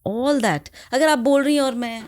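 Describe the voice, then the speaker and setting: A woman's voice: high-pitched, unhurried, a little mellow. A woman talking on a podcast and explaining her ideas with demonstrations. She moves between Hindi and English as she goes. The room sounds dry, with no echo. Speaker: guest image consultant. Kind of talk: podcast conversation.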